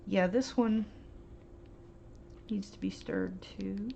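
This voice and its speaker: A woman with a warm, creaky, medium-pitched voice and huge pitch swings rambles through a paint swatching demo as an art vlogger. She hesitates often, saying um and uh to fill pauses, and the home recording is dull, lo-fi, and faintly hissy.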